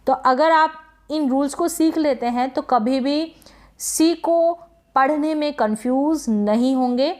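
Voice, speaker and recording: A woman's voice: sits high, darkish tone. A woman teaching English pronunciation as a lesson, explaining rules and asking and answering her own questions. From India. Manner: slow, careful spelling-out of sounds.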